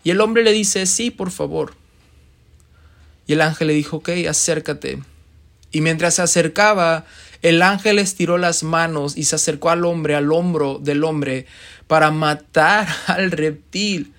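A man preaching a sermon, telling a parable with dramatic pauses and voicing the characters in it. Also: on the high side, a bit bright. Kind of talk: sermon storytelling.

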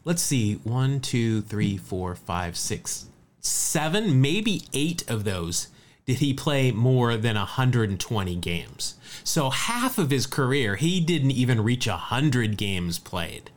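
A man's voice: medium pitch, slow. A man co-hosting a casual sports podcast, reeling off statistics with a light, chatty manner. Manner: lively, rattles off stats. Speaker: podcast co-host.

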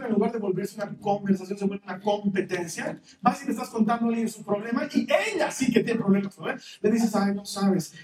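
A man preaching a sermon as pastor, lively and acting out the voices he quotes. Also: very high-pitched, distant mic. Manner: animated, acts out quoted voices. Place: church hall. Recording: roomy church hall, mic from afar, faint noise.

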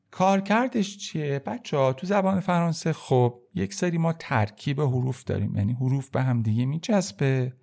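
A man at a middle pitch teaches French letters in an easygoing spoken lesson. He calls his learners kids and stretches out each sound so they can repeat it. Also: darkish tone. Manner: repeats sounds slowly and addresses viewers as kids.

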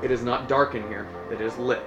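A man's voice: mid-range voice, fairly even intonation, brisk, dull audio. A man improvising narration and rulings as the game master of a tabletop role-playing game. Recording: echoey room, loud music behind.

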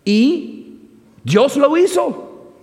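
A man preaching a sermon as a pastor, with emphatic rises and slow, drawn-out phrases. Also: extremely high pitch, lively intonation, darkish tone. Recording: long hall reverb.

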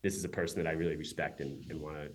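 A man in his forties, a company founder, talking casually as a guest and telling quick stories with many asides. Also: a bass voice, fairly even intonation. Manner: quick, chatty storyteller with many "right?" asides. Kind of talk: casual interview talk.

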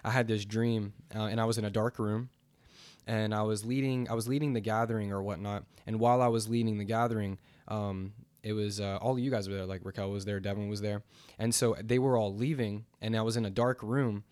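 A man's voice: on the low side, fairly even intonation, brisk, a little mellow, no room sound. A young man sharing a faith testimony in casual chat, earnest and rambling, with many fillers and restarts.

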